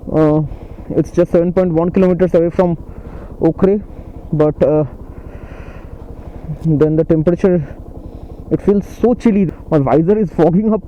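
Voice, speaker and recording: Narrow phone-like sound, faint vehicle noise, higher-pitched man, Indian accent, casual motorcycle travel vlog. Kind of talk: casual spoken-aloud ride narration. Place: outdoors on a motorcycle on mountain roads.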